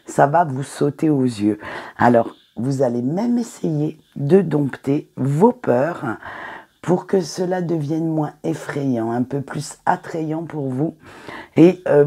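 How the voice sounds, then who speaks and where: Woman, card reader: warm, mellow tone, gently reassuring delivery to viewers. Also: low-pitched, slightly rough. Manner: gentle, encouraging, with hesitant fillers. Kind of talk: weekly oracle card reading to viewers.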